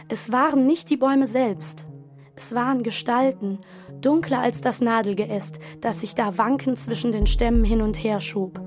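A woman's voice: on the high side, a little mellow. Woman narrating a suspense audiobook. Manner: tense, measured storytelling.

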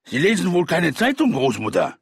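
A husky-voiced man voicing a gruff, menacing bearded robber who barks his demands. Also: fairly high pitch, wildly swooping pitch, normal speed, dry recording, clean studio sound, voice pushed up, full character voice. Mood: mocking. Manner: barking, loud demands.

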